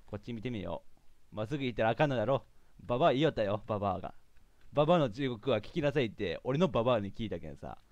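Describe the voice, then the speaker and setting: Lively male game streamer. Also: fairly low pitch, very fast, no room sound, dull audio. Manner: chatty, jokey, reacts out loud to himself. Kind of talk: casual game commentary.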